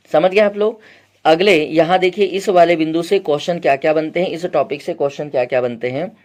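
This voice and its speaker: A male teacher with a fairly high voice delivers an exam-prep lecture point by point. He quizzes his students with repeated questions and often clears his throat.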